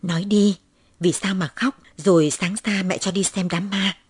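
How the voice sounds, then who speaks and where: A woman reading aloud voices a stern, quick-tempered mother who scolds her young daughter sharply. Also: mid-range voice, steady tone, darkish tone, breathy edge, dry recording. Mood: coaxing.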